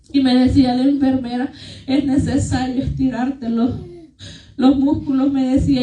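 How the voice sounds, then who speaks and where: A woman's voice: high-pitched, a little mellow. A woman giving an earnest, emotional testimony to her church congregation. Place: church hall. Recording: echoey church hall, mic far off.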